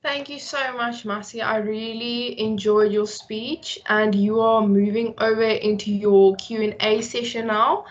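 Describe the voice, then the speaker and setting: A woman's voice: a little high, level tone, unhurried, hardly any pauses. Polite woman moderator on a dull line. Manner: polite, friendly, procedural. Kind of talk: chairing a candidate session.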